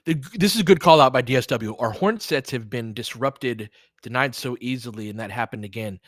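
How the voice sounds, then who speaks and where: A man with a medium-pitched, fairly bright voice delivers live basketball play-by-play at a fairly quick clip, blending conversational analysis with replies to listeners as he thinks out loud. The audio is dry and studio-clean.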